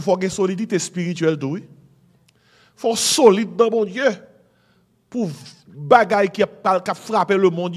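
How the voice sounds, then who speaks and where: A middle-aged pastor with a Haitian Creole accent preaches a sermon in a high voice, mixing Creole and French and exhorting his listeners with "amen" and "hein?"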